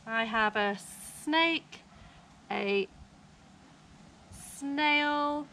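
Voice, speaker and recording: A woman's voice: high-pitched, extremely slow, bright, forceful tone. A woman in her thirties presenting a children's lesson outdoors in a broad, singsong kids' presenter manner. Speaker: children's phonics teacher and presenter. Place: outdoors in a home backyard. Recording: faint outdoor background noise.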